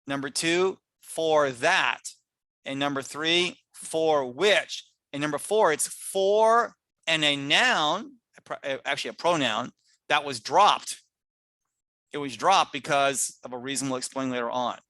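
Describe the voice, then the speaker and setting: Lively, emphatic male grammar teacher. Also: on the high side, unhurried, no room sound. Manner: emphatic and lively, with asides and self-corrections. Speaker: grammar teacher presenting a lecture. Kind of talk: recorded grammar lecture.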